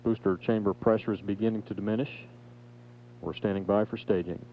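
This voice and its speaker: A man giving measured, factual mission control radio commentary on a flight's status. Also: on the low side, steady tone. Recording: dull feed with faint noise.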